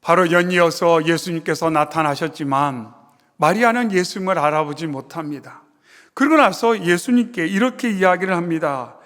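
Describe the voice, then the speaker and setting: Male pastor, high voice, dramatic sermon with loud peaks and hushed drops, long church-hall reverb. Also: moderate pace. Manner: dramatic, swings from loud pleading questions to hushed low endings. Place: church sanctuary.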